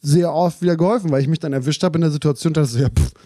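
A man talking in a relaxed podcast chat, his voice sitting a bit high but sounding dark and mellow. He tells stories with a lot of drive and rushes through phrases. The sound is dry and close. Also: dry recording. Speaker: podcast co-host. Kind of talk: casual chat.

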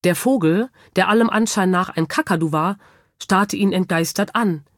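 A woman narrating a children's audiobook with lively, expressive storytelling. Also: fairly low pitch, normal speed, no echo, studio quality.

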